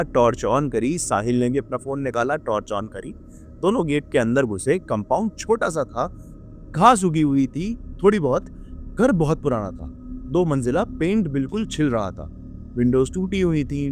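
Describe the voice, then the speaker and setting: A man's voice: lively intonation, normal speed, a little hiss or hum. A young man narrating a horror story in dramatic Hindi, acting out the characters' lines with his voice swinging up and down and sprinkling English words into his speech. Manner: acts out characters' lines with rising and dropping pitch. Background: faint background music.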